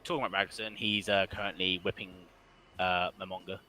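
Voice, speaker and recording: A man's voice: low voice, little pitch movement, bright, forceful tone, poor audio. A man casting an online game league match, chatty and joking, who grew up with another first language besides English. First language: not English. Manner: joking, chatty, quick to apologize. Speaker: esports commentator. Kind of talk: casual game commentary.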